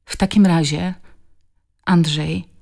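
A woman's voice: lowish voice, a little slow, darkish tone. A woman reading the lines of a hurt young mother, cold and bitter toward her husband. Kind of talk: audiobook dialogue.

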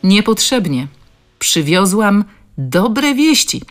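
A woman's voice: mid-range voice, very animated, slow, faint music behind, voice pushed up. A woman reading a composed, elegant headmistress. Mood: reassuring.

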